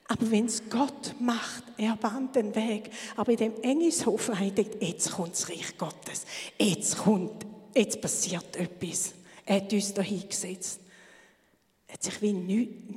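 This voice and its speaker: A woman giving a fervent church testimony, sometimes dropping to a hushed whisper for emphasis. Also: on the high side. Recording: long hall reverb.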